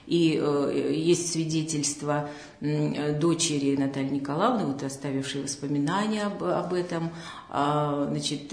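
A woman's voice: deep voice, darkish tone. A woman from a house museum answering interview questions, speaking hesitantly with many filler sounds. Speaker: house museum staff member. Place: small drawing room of a house museum. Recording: roomy echo.

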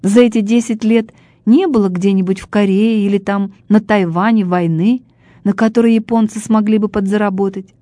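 A woman voicing a frail, bedridden old man who asks slow, probing questions in a storybook reading. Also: mid-range voice, fairly even intonation, warm tone, no echo, natural voice.

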